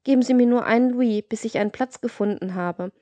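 A woman's voice: on the high side, fairly quick, mellow, no echo, lightly acted. A woman voicing a poor, virtuous young woman who pleads for help in an audiobook reading. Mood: pleading.

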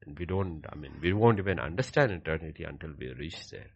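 A man's voice: rumbling low, lively intonation, quick pace, darkish tone, dull audio. A man with an Indian accent preaching as a pastor in an emphatic, repetitive, conversational way with rhetorical questions.

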